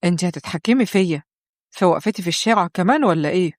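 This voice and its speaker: A woman's voice: lowish voice, expressive, racing, no echo, clean studio sound, natural voice. A woman with an Egyptian accent voicing a sulky, defensive teenage boy in a told story. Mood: defiant. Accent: Egyptian Arabic. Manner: sulky, protesting.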